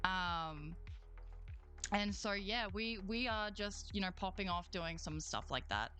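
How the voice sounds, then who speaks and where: A young Australian woman, a streamer and voice actor, rants and reads chat on a casual livestream, swearing freely, using slang and swinging quickly between gripes and cheer. Her bright, forward voice has lively intonation, with low music in the background.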